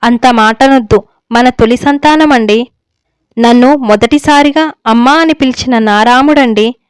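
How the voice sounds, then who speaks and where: A woman's voice: a little high, measured pace, smooth, no room sound, lightly acted. A woman reading the lines of an anxious older mother who pleads with her husband for her son. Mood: pleading. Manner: pleading, tearful. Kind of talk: story reading.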